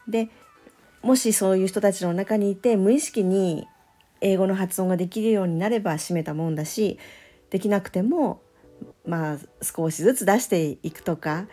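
A woman who teaches English pronunciation, talking alone on her podcast in a gentle, thoughtful way with many small fillers. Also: on the low side. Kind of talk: solo podcast talk.

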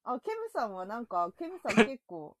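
A woman co-hosting a casual talk show, bubbly and quick to laugh and react. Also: fairly high pitch, very animated. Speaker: co-host. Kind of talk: casual chat.

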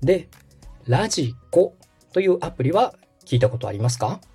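A podcast host in his thirties from Osaka, Japan, who also works as a radio director, patiently and politely walks his guest through the basics step by step. His mellow, slightly husky voice moves at normal speed with a lively rise and fall in pitch, and faint music plays underneath.

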